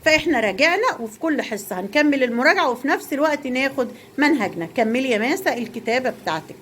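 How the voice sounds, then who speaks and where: A woman's voice: high-pitched, animated, fast, fairly bright tone, slight background noise. A young woman teacher with an Egyptian accent, quizzing and praising small children while explaining to parents. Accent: Egyptian Arabic. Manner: encouraging, quizzing and praising pupils.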